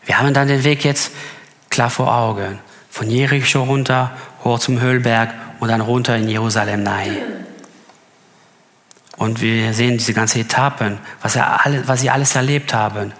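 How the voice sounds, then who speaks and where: A man's voice: mid-range voice, fairly even intonation, moderate pace, fairly bright tone, long reverb tail. A man giving a Bible teaching sermon, reading scripture aloud and often stopping to correct himself. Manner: reads scripture aloud, with frequent slips and restarts. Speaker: preacher.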